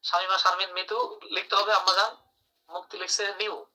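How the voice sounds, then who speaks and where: Man, online English teacher, bright voice, a bit far from the mic, phone-like sound. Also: sits high, little pitch movement, normal speed. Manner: calls students by name and praises answers. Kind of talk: live online grammar class.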